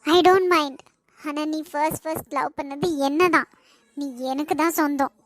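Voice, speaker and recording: Cartoon lead: a woman plays a clingy, tearful young woman begging her ex, Kanyakumari Tamil accent, pitched very high. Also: steady tone, measured pace, fairly bright tone, slight background noise. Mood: pleading. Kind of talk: cartoon voice acting.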